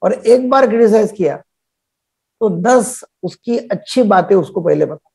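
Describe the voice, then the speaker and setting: A man's voice: sits high, expressive, moderate pace, vocal fry, a little mellow, husky. An older man, a psychiatrist leading a live webinar over a video call, explaining by acting out little dialogues.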